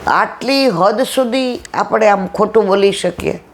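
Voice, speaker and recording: A woman delivers a devotional satsang talk in a middle-pitched voice. She moves through everyday anecdotes, slips into the voices of the people in her stories, and presses her listeners with rhetorical questions. A faint background hiss sits under the recording. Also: unhurried. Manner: storytelling, acting out dialogue, rhetorical questions. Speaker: satsang speaker.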